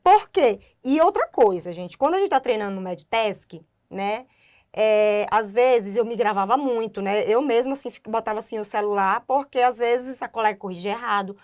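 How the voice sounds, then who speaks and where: A young woman doctor, a guest in a casual interview, telling her story in an animated way and acting out the voices of people she quotes. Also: on the high side, normal speed.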